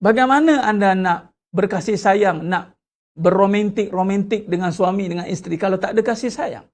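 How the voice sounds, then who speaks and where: A religious teacher with a Malaysian Malay accent giving an animated lecture, full of rhetorical questions and acted-out prayers. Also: mid-range voice, moderate pace.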